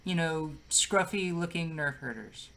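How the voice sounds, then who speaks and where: A man's voice: a little high, animated, a little slow, fairly bright tone. Young man, podcast co-host, casual chat, rambling, filler-heavy, profane.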